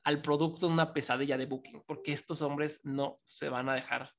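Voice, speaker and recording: A man, his voice sitting a little high, talks through a casual podcast breakdown. He sounds opinionated and keeps tagging his points with a quick question. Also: fairly even intonation, gravelly. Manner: opinionated, often ends phrases with a questioning tag. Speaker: wrestling podcast co-host.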